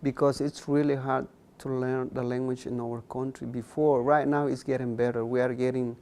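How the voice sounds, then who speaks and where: Speaking as an interview guest, this young Guatemalan man, a native K'iche' Mayan speaker, talks earnestly and repeats words to stress them. His voice sits at a medium pitch with a warm tone, a flat delivery, and normal speed.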